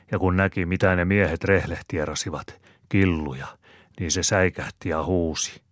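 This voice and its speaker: A man's voice: extremely low pitch, no echo, studio quality. A man voicing a bawdy, sly old rustic storyteller who spins his yarn with folksy chuckles.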